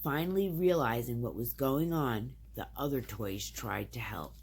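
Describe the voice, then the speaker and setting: Young woman, storybook reader; low pitch, unhurried, expressive. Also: a little hiss or hum. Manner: expressive, sing-song storytelling. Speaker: parent reading to her child. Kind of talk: reading a children's storybook aloud.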